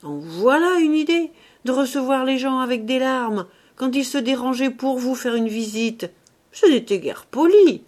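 A woman putting on a coarse old uncle from a storybook, loud and familiar, sneering as he talks. The reading stays unhurried. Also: medium pitch, sing-song. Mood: scolding. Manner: loud and scolding.

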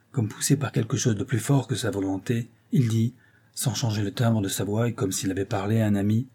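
A man narrating a novel as an audiobook reader, in a calm, measured delivery. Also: on the low side, husky.

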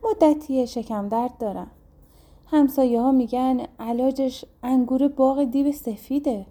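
A woman's voice: high-pitched, dark tone. A woman voicing a lonely young sister in a folktale, speaking in a pleading, sorrowful way.

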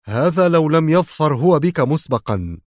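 A man voicing a defiant female spy held captive, sharp and sarcastic in her replies. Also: medium pitch, normal speed, no echo, studio quality, natural voice.

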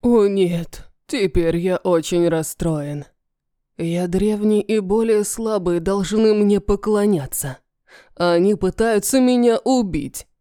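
A woman voicing a cruel, mocking ancient male dragon lord who talks slowly and menacingly. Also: mid-range voice, warm tone, no room sound, studio quality, lightly acted. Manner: slow, sneering, menacing.

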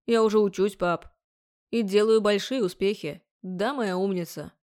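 A woman's voice: medium pitch, normal speed, darkish tone, lightly acted. A woman reading an audiobook, voicing a cocky, pushy young man who is bossy and mockingly sweet. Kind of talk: audiobook character voice.

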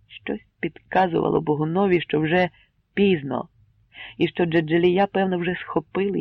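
A man narrating an audiobook with expressive storytelling on a muffled recording. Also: on the high side, vocal fry, no room sound. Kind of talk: audiobook reading.

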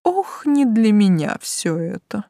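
A woman reading the part of a tired, easygoing young man in an audiobook, speaking slowly with a weary drawl. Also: high-pitched, very animated, dry recording, clean studio sound, heavily acted. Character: weary easygoing young male blond master.

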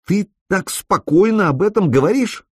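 A man reading an audiobook, voicing a young woman gamer who is anxious, clingy and quick to scold. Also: mid-range voice, big pitch swings, darkish tone, breathy edge, no echo, studio quality, pitched above the performer's own voice.

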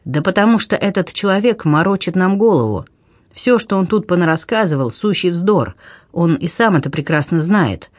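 A man's voice: high-pitched, expressive, normal speed, no echo. A man reading an audiobook, voicing a stern nobleman, a duke who speaks with scorn. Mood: scornful.

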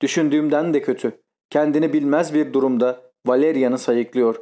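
A male audiobook reader voicing a grave, dutiful middle-aged noble father, speaking heavily and slowly. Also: medium pitch, fairly even intonation, warm tone, natural voice.

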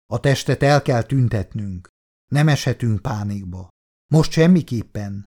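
A male narrator voicing a stern female colony leader with a low, steely, clipped delivery. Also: animated, a little mellow, natural voice. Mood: grim, commanding.

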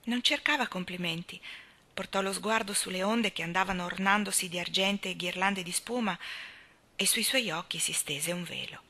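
A woman narrating a novel as an audiobook in a measured, expressive way. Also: fairly low pitch. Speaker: audiobook reader.

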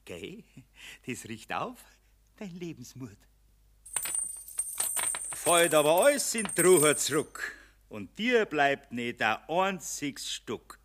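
Actor as a swooping, gloating Bavarian money demon. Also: male voice, on the high side, sing-song, takes it slowly, pauses often, exaggerated voice. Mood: gloating menace. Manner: taunting, theatrical, swooping from shouts to hushed menace. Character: mocking, gloating male spirit of Money, bossy and sly. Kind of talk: verse morality play in dialect.

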